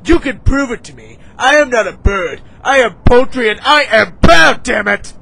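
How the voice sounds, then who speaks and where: A young man voicing a proud, easily offended male chicken in an amateur game-engine comedy, whiny and quick to shriek in panic. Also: very high-pitched, sing-song, fairly bright tone, husky, exaggerated voice. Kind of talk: amateur machinima voice acting.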